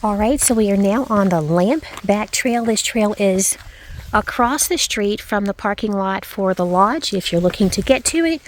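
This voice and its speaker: A woman hosts a casual hiking vlog outdoors in the woods. Her voice sits at a middle pitch and she thinks aloud without a script. A light layer of outdoor noise sits behind her. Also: expressive, normal speed. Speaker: hiking vlogger, host. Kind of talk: casual narration while hiking. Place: outdoors on a forest trail. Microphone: handheld camera carried while walking.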